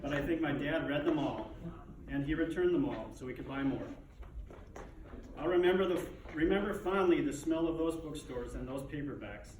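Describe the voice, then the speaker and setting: A man gives a prepared eulogy for his father, his grief dignified and restrained but touched with wry, fond humor. His voice is a little high with a darkish tone at a moderate pace, recorded on a distant microphone in an echoey, noisy room as he addresses a gathering.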